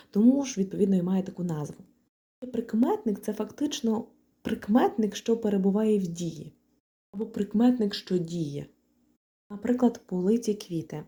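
A woman's voice: mid-range voice, dark tone. A woman teaching a grammar lesson, explaining rules step by step and spelling out letters and example words. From Ukraine. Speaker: language teacher.

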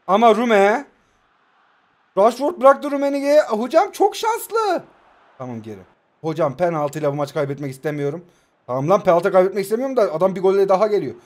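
Young Turkish man, high voice, excitable self-talking game commentary. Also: quick pace. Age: 20s. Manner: excitable, self-talking, swings from calm mutters to loud outbursts. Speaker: mobile football gamer and streamer. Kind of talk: live gameplay commentary.

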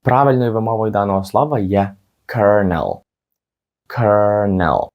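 A young man teaching English pronunciation, patiently repeating each word slowly for learners. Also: fairly low pitch, expressive, darkish tone. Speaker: English teacher on his channel.

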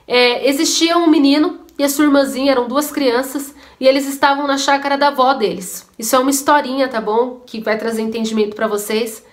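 Earnest woman preaching, high voice. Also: steady tone, fairly quick, few pauses. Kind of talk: devotional sermon-style storytelling.

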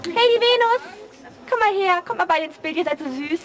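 A woman's voice: very high-pitched, lively intonation, a little fast. A young woman filming backstage and commentating, teasing and joking with the cast. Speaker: camera operator and backstage commentator. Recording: noisy backstage crowd. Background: crowd chatter.

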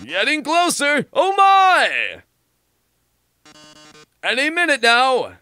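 A man voicing a flamboyant, gloating villain robot from a video game, with melodramatic, drawn-out delivery. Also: extremely high pitch, huge pitch swings, sharp tone, dry recording, soft background music, voice pushed up, full character voice. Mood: gloating mockery.

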